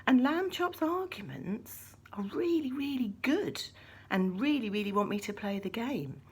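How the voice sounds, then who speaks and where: Children's church leader: woman, husky tone, very animated pitch, playful puppet chat with hushed asides. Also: measured pace.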